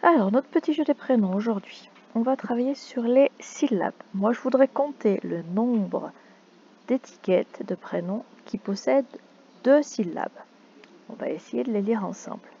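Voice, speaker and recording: A woman teaching young children in a slow, deliberate way, stretching out key words and syllables. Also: fairly high pitch, creaky, warm tone, husky, highs cut off.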